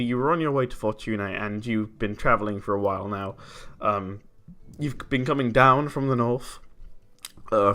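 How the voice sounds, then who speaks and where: Bright-voiced man running a tabletop game. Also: medium pitch, smooth. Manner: chatty, laughs easily. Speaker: game master.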